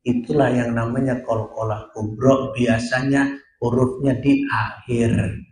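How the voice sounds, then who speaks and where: A man's voice: mid-range voice, little pitch movement, measured pace. A man teaching Quran recitation rules, explaining step by step and sounding out syllables for his class. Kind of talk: tajwid lesson at a prayer hall. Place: small prayer room. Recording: echoey prayer room.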